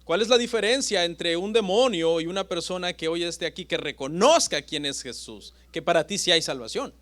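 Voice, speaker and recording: A man preaching a sermon as pastor, with dramatic pauses and swings between loud and soft. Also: high-pitched, expressive.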